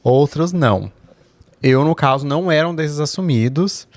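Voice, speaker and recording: A man's voice: on the high side, normal speed, dry recording. A man with a Brazilian accent, co-hosting a podcast in easygoing, frank chat. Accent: Brazilian Portuguese. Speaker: podcast co-host. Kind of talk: casual chat.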